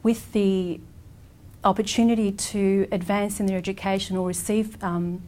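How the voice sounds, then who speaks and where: A woman giving a sincere, even advocacy statement. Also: mid-range voice, moderate pace.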